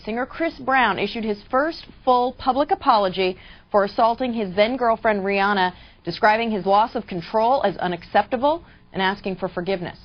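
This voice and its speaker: A woman reading news headlines in a measured, composed way on a morning TV show. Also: on the high side. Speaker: news anchor. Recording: dull lo-fi TV broadcast audio.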